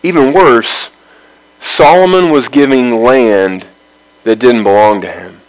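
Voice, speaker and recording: Male Bible study teacher, mid-pitched, reads a verse then unpacks it, measured phrasing with pauses. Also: poor audio. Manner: reads scripture aloud, then explains it verse by verse.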